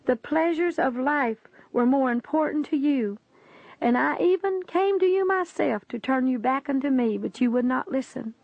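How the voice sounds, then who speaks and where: Solemn, sorrowful Jesus read by a woman, pronouncing judgment in slow, weighty sentences. The voice has a gravelly edge. The recording is dry and muffled. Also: high voice, animated, a little mellow, no echo, exaggerated voice. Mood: solemn reproach.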